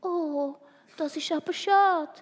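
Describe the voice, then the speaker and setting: A woman voicing a gentle mother mouse in a storybook reading, soft-spoken. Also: very high-pitched, measured pace, big-room sound, voice pushed up. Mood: sympathetic.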